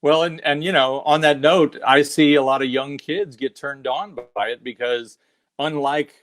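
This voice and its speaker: A man's voice: a little high, steady tone. A middle-aged man hosting an interview, chatty and full of stories, often starting over mid-sentence. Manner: chatty, storytelling, halting restarts. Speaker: show host. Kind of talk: casual interview chat.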